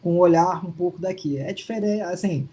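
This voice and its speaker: Speaking a little fast in a high, warm voice, a male interview guest chats casually over a video call for a testimonial. His talk is hesitant and full of fillers and restarts.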